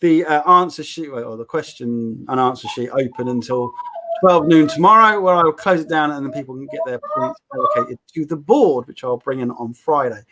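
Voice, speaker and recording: A man's voice: fairly high pitch, sing-song, fairly quick, sharp tone. An English man hosting a casual live online show, rambling and upbeat, often repeating his words. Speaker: show host. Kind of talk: casual live-stream chat.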